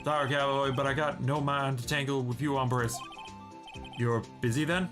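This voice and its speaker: Man doing a folksy cowboy-talking guard with a drawl, over loud game music. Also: mid-range voice, fairly even intonation, moderate pace, lightly acted. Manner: drawling Western twang, folksy phrases.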